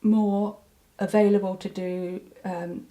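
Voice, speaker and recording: Older lady telling her story, mellow tone, lots of ums and restarts. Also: medium pitch, level tone, slow pace. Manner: hesitant, many ums and restarts, breaks into laughter. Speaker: interviewee. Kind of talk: reflective personal recollection.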